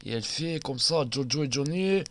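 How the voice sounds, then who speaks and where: A man's voice: a little high, animated, moderate pace, a bit bright. A man telling a comedy story in a rambling way, full of fillers and hesitations. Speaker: comedian narrator.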